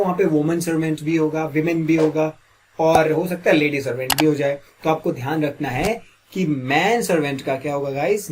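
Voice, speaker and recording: A man teaching English grammar as a classroom lesson, quizzing listeners with repeated questions. He has a slightly sore throat and clears it often. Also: a little high, slight background noise.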